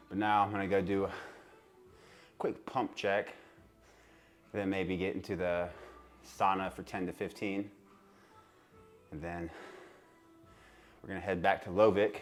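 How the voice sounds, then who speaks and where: Deep-voiced man vlogging at the gym. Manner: relaxed, talks himself through poses. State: out of breath. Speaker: fitness vlogger and personal trainer. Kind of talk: casual gym vlog narration.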